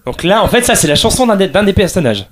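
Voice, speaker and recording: A man's voice: sits high, sing-song, quick pace, fairly bright tone. Man host, light raised voice, faint hiss and clicks behind, chatty and stumbling. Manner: explanatory, stumbling restarts, laughs often. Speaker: podcast host presenting a game series. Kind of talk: casual chat.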